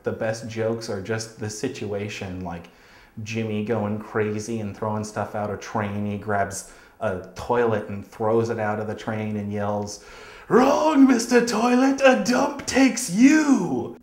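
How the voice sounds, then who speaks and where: A comic writer telling the backstory in a documentary interview, acting out quotes. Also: male voice, lowish voice, little pitch movement, unhurried, darkish tone, echoey room. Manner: storytelling, acts out quotes.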